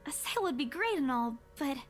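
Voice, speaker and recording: A woman's voice: sits high, sing-song, a little fast, faint music behind, voice pushed up. A woman voicing a polite, nervous young woman tour guide who stammers.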